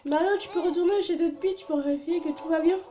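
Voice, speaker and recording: A man's voice: very high voice, steady tone, fast, background noise, voice pushed up. A boy doing a chirpy little mushroom girl. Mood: concerned. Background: game music.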